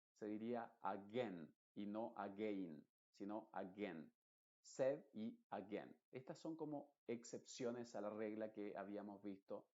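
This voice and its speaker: A man teaching English pronunciation in an online lesson, patiently explaining and repeating example words slowly. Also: medium pitch, mellow, muffled recording.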